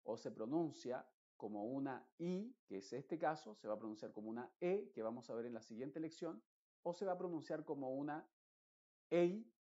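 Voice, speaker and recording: A man's voice: medium pitch, animated, moderate pace, warm tone, lo-fi sound. A man teaching an English pronunciation lesson, explaining patiently, stretching vowels and reading word lists aloud. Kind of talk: recorded online lesson.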